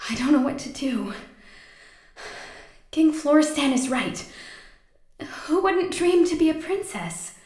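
Princess Aurora, soft and innocent. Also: female voice, high voice, big pitch swings, takes it slowly, pauses often, reverberant, heavily acted. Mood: wistful. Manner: soft, naive, wistful. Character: innocent young princess, gentle and wondering. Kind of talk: audio drama acting.

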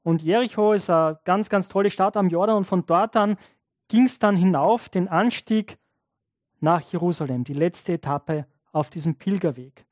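A man's voice: high-pitched, moderate pace, no echo, studio quality. A man preaching a sermon, telling a story in a conversational way and addressing his listeners directly. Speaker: pastor.

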